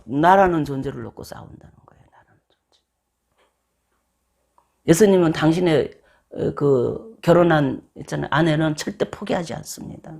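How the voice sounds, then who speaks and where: Gravelly-voiced Korean preacher. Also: mid-range voice. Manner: lively storytelling, acts out voices in quotes. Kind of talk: sermon.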